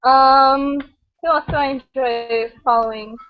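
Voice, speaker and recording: A woman guest chats slowly on a live show and thinks aloud between her remarks. Her voice sits high. The audio is muffled. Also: fairly even intonation. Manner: unhurried, thinking aloud with fillers. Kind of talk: casual chat.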